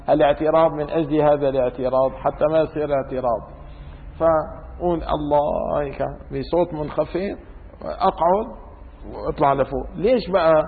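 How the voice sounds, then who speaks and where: A man teaching an informal religious law lesson, colloquial and teasing with his students. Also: fairly high pitch. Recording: lo-fi phone-like recording in a reverberant room.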